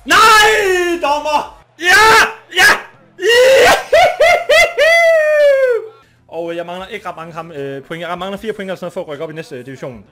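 A man streaming a football video game with a Danish accent, commenting live and getting excited, shouting and swearing often. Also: a little high, hardly any pauses, over music. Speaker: gaming streamer.

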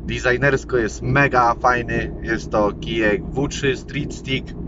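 Unhurried man vlogging from a noisy car. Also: fairly even intonation. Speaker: fishing vlogger. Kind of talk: casual vlog chat while driving. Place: inside a moving car. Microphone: camera mounted on dashboard. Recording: muffled, loud car rumble and hum.

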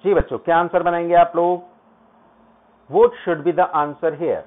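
A man with a fairly high voice teaches a live online exam-prep class. He reads English questions slowly, breaks them down in Hindi, and names his students as he praises them. The sound is tinny and narrow, like a phone line. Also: steady tone.

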